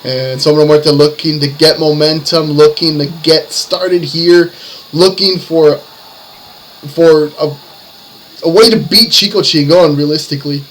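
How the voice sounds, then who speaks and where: A man's voice: a little high, fairly even intonation, measured pace, fairly bright tone, low-quality recording. A man working as a lucha libre announcer, calling wrestling play-by-play in short, building phrases. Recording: music behind the commentary. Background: music.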